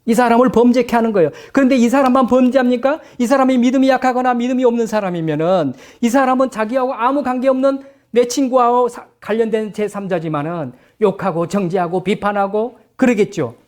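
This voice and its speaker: Middle-aged man, pastor, sermon, animated preaching, acts out voices, soft low asides. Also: fairly quick, hardly any pauses.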